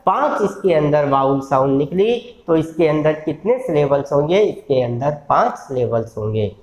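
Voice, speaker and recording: A man giving a recorded lecture, slowly stretching out word sounds and encouraging his students. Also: fairly high pitch, lively intonation, a little mellow, lo-fi sound. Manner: slow, drawn-out sounding of syllables, encouraging. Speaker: law college lecturer. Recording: echoey room.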